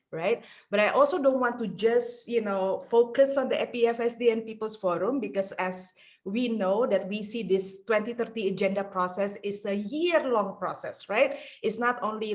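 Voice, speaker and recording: A woman from Indonesia giving a conversational presentation on a video call, with fillers like "like" and "right". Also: medium pitch. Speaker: panel speaker.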